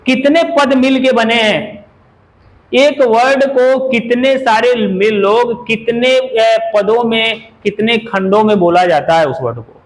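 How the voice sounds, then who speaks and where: A man with a very high-pitched voice takes it slowly while teaching a grammar lesson in a classroom, and the audio quality is poor. He keeps firing questions at his students and drills words by repeating them over and over.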